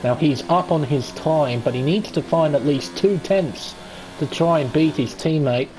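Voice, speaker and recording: An Australian man with a voice on the high side gives chatty, enthusiastic live play-by-play as an esports race commentator, covering the qualifying session of an online racing league. He speaks at normal speed, with music in the background, and the audio is poor.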